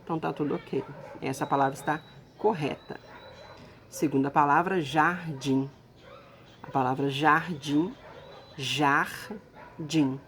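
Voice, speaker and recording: A woman teaching a recorded lesson in a low, deep-set voice. She speaks slowly and patiently, walking through each step and pausing to check that her students are following. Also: fairly even intonation.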